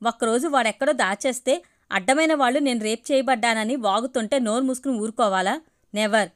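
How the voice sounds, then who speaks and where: A woman's voice: on the high side, fairly quick, close to an everyday voice. A woman voicing an angry, defiant young woman student who answers with fierce indignation. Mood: furious.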